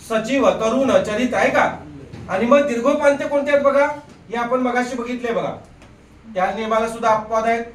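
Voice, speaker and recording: A male grammar teacher giving a live classroom lesson, quizzing his students with quick questions and repeating "look here". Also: sits high, slight background noise. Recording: echoey room from a distant mic.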